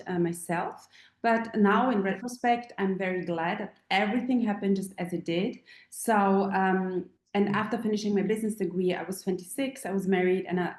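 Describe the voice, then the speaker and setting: A woman's voice: lowish voice, darkish tone, roomy sound. A woman from Serbia, about forty, hosting a live online Q&A as a feng shui teacher, rambling with many fillers and restarts. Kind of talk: live online call, casual talk.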